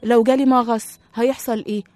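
A woman's voice: fairly even intonation, fast, dark tone, dry recording, close to an everyday voice. A woman playing a scared little boy. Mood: worried. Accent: Egyptian Arabic. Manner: high, worried, pleading. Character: anxious young boy, easily scared.

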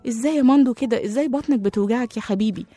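A woman with an Egyptian accent voicing a caring mother in a children's story, soothing and gently scolding. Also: fairly high pitch, rapid-fire, no room sound, lightly acted. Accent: Egyptian Arabic.

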